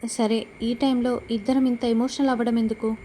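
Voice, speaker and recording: A woman retelling a TV serial episode, reading every character's lines in her own steady voice. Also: a little high, moderate pace, slight background noise. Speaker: serial recap narrator.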